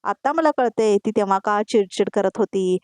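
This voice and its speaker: A woman's voice: mid-range voice, normal speed, darkish tone, dry recording, lightly acted. A woman voicing an upset, indignant middle-aged mother in a dry recording. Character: anxious angry middle-aged mother Manini.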